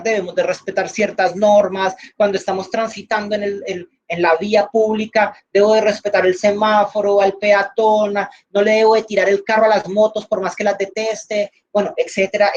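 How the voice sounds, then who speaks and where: A woman's voice: medium pitch, level tone, moderate pace, few pauses, darkish tone. A woman with a Valle Colombian accent teaches an online class. She talks in a chatty way, leans on everyday examples and uses plenty of fillers. The sound is dull and lo-fi, like call audio. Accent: Valle del Cauca Colombian. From Valle del Cauca, Colombia. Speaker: instructor.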